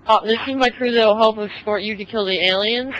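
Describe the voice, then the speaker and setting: A man's voice: sits high, fairly even intonation, fairly quick, lo-fi sound, close to an everyday voice. A man playing a casual squad leader who rallies fighters, in an amateur sci-fi film. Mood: businesslike. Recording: clear outdoor traffic noise.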